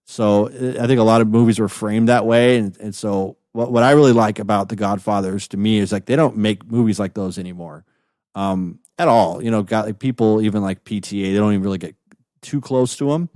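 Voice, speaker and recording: A man's voice: lowish voice, fairly quick, a little mellow, no echo, clean studio sound. A man co-hosting a film podcast in casual chat, easygoing and full of "like" and "you know". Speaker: podcast co-host.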